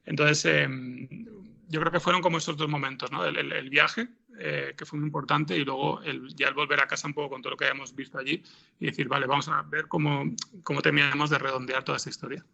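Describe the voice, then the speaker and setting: A man from Spain, a podcast scriptwriter guesting on an interview, gives unscripted answers in a Spanish-from-Spain accent, hesitant and rambling and often repeating words. His fairly high, gravelly voice is fast, pushed and bright with little pitch movement, and the audio is dull.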